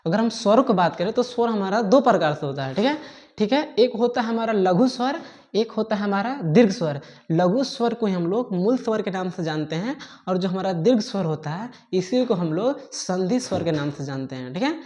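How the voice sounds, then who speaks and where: A woman teacher dictates a grammar lesson at a steady, unhurried pace. She repeats every definition and keeps checking in with small fillers so her students can keep up with their notes. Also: medium pitch. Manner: repetitive, dictating slowly, frequent checking fillers.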